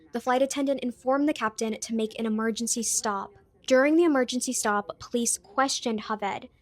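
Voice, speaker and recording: A woman narrating a case from a script, earnest and indignant. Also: on the high side. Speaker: storyteller of a crime case.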